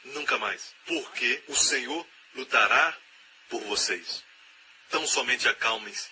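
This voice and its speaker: A man's voice: medium pitch, slow pace, noisy background. A man interpreting a sermon as a voice-over, preaching emphatically and calling out amen.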